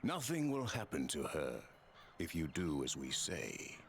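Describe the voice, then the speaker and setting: An actor playing a cagey messenger for sinister masters in a video game, with stilted, wooden, unconvincing bad acting. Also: male voice, rumbling low, sing-song, measured pace, gravelly, full character voice. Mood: guarded, insistent. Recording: game audio with noisy outdoor ambience.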